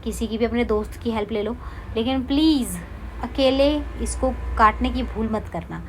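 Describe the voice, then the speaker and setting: A woman's voice: on the high side, normal speed, darkish tone, slight background noise. A young woman hosting a craft tutorial at home, chatty and cautioning, saying "theek hai" again and again as she talks straight to viewers. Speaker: craft channel host.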